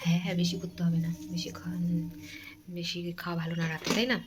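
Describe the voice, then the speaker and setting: A young woman vlogger chatting casually to her viewers, speaking softly and sounding sleepy. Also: lowish voice, flat delivery, racing. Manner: chatty, addresses viewers directly. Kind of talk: casual family vlog. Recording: noisy home recording.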